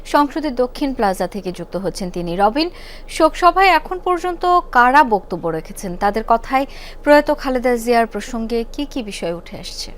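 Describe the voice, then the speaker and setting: A woman news anchor reading a scripted report in a formal, clear studio manner. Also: a little high, animated, moderate pace.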